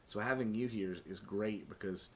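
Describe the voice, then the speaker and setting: Hosting a tabletop game stream as its game master, this man jokes around, laughs often and swears freely in a casual way. He speaks at a normal pace in a voice on the low side.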